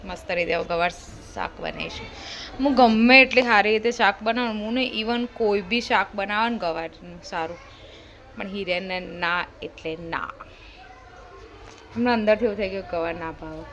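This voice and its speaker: Bright-voiced chatty mom vlogger. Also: female voice, mid-range voice, normal speed. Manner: chatty, teasing and scolding her kids. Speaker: vlogger and mother. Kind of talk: casual home vlog chat. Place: home.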